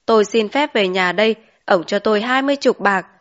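A woman voicing a young man back from the city, a chauffeur, in an audiobook, relaxed and plain-spoken. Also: mid-range voice, a little fast, lightly acted. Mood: boastful. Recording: dull lo-fi recording.

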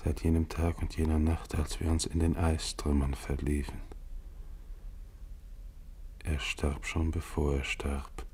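A man's voice: rumbling low, completely flat delivery, a little slow, pauses often, darkish tone, breathy edge, heavily acted. An actor playing a grim, exhausted male polar expedition captain, narrating in a solemn, psalm-like recital for a 1950s radio play. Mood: somber.

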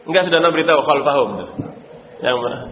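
A man teaching an Arabic grammar class, coaxing students slowly through repeated drills. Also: a little high. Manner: slow, coaxing, repeats phrases to students, mixes Indonesian and Arabic. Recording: echoey hall, dull lo-fi sound, faint noise.

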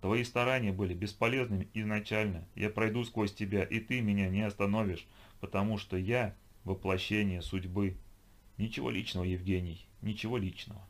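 A man voicing a calm, contemptuous inhuman twilight creature that taunts its human enemies. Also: lowish voice, fairly quick, close to an everyday voice. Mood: coldly mocking. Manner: calm, mocking, superior. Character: cold, contemptuous inhuman twilight being, female.

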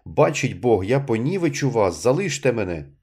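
A man reading a story aloud, voicing a desperate, cornered man who shouts threats in a strained, raging voice. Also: on the low side, moderate pace. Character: desperate cornered sighted man, furious and frightened.

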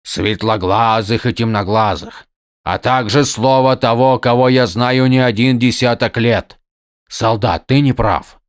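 A stern, weary older highlord, voiced by a male narrator, who lays down the law in firm, emphatic tones. His voice sits mid-pitched, and the audiobook recording is close and dry. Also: a little slow, no echo, natural voice. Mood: scolding. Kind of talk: audiobook character voice.

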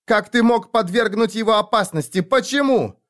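A man's voice: unhurried, lightly acted. A man voicing a desperate, fierce young woman held captive, crying out and pleading. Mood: frantic. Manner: shrill pleading outbursts.

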